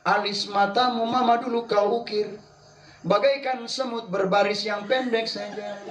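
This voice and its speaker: A man voicing an older husband who gently teases his wife in a soft, drawn-out way. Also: high-pitched, fairly even intonation, pitched below the performer's own voice. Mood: teasing. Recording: echoey hall, distant mic.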